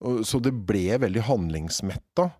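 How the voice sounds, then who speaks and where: A man, a theatre director reflecting on his work in an interview, animated and full of hesitations. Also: lowish voice, no echo, studio quality. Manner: animated, hesitant with many fillers.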